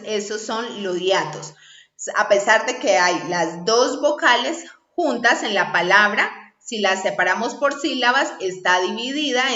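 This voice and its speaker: Woman instructor, methodical explainer, bright voice, slightly muffled echoey recording. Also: mid-range voice. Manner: slow, explanatory, checks in with "¿sí?" and "¿listo?". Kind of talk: recorded online lesson. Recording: echoey room, slightly dull sound.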